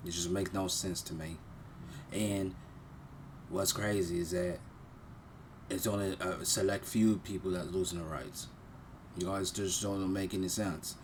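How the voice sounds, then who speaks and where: A man's voice: deep voice, steady tone, unhurried, long pauses, background noise. A man hosting a reaction video, talking bluntly and mockingly in casual commentary. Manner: blunt, mocking, repeats himself.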